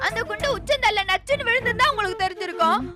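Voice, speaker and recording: An actress playing a dramatic young wife who wails and complains melodramatically in a TV serial. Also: female voice, extremely high pitch, lively intonation, fast. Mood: wailing. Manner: melodramatic, wailing comic complaints. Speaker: daughter-in-law. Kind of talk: TV serial acting. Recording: TV serial soundtrack with loud music.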